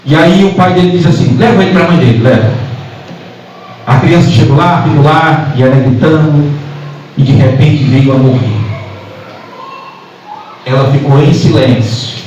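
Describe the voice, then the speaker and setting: A Brazilian man delivers a Pentecostal sermon in a church hall. His voice rings through heavy reverb and sits slightly high, picked up from some distance with a faint hiss underneath. He acts out the scripture dialogue and then rises into fervent exhortation. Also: moderate pace, pauses often, darkish tone, highs cut off. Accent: Brazilian Portuguese. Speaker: preacher.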